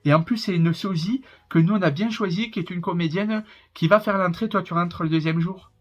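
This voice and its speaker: A man's voice: high voice, a little fast, muffled recording, soft background music. A man in his twenties with a southern French accent, chatting casually and rambling in a reaction commentary, laughing often. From southern France. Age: 20s. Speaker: reaction YouTuber.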